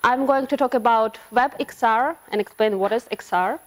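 A woman from Ukraine speaks at a developer conference, with a somewhat high voice. She explains her topic in a hesitant way, breaking off and repeating words. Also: normal speed. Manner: hesitant, frequent restarts and broken-off words. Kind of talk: conference talk with slides. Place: conference hall.

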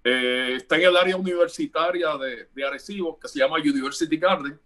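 A middle-aged radio announcer from Puerto Rico talks as a guest in a casual interview. His voice sits somewhat high for a man. He tells his stories with animation and acts out the dialogue in them. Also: a little fast, sharp tone.

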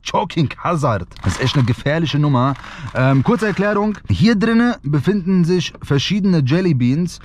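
A young man vlogging casually from inside a car, excitable and slangy, given to exclamations. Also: moderate pace, soft background music. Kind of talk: casual challenge vlog, youth slang. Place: inside a small car, often driving. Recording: noisy car interior, road rumble.

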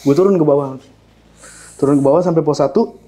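A man with telling a hiking story in a casual, animated way, acting out voices and sounds. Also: a little high, a little fast.

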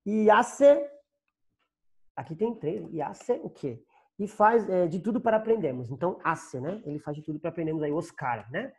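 A man's voice: on the high side, expressive, normal speed, darkish tone. A man with a Brazilian Portuguese accent teaching an online Spanish class, patiently repeating and translating each phrase.

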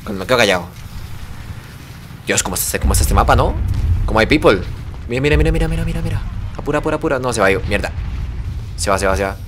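A young man narrates his gameplay in an excitable, swearing rush. He talks at a middle pitch with a faint noise underneath. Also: fast, pauses often. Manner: excitable, swearing, reacting loudly to the game. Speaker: gamer. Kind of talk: gameplay commentary.

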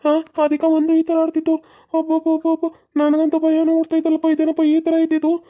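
A jittery village husband in a cartoon, high and rustic, chattering in fear with many exclamations. A performer voices him. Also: completely flat delivery, a little fast, dark tone, muffled recording. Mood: shaken.

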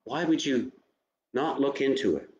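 A man's voice: medium pitch, animated, measured pace, darkish tone, reverberant, rough recording. A man preaching a sermon as pastor, speaking earnestly and directly to his listeners. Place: church sanctuary.

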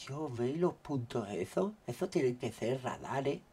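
A man with a Spain Spanish accent, his throat dry after a cold, excitedly commenting on what is on his screen. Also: medium pitch, unhurried, husky. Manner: excitable, exclaiming, keeps saying "look". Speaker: vlogger. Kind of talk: casual commentary on screen recording.

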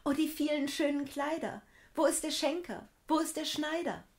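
A woman's voice: medium pitch, brisk, close to an everyday voice. A woman storyteller voicing a joyful, eager young girl in a fairy tale. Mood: delighted. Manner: excited exclaiming.

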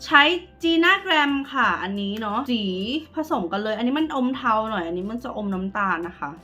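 A woman's voice: mid-range voice, lively intonation, fairly quick, pushed and bright, faint music behind. A woman doing a casual makeup review vlog, chatting to viewers like friends in a slangy way. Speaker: beauty vlogger.

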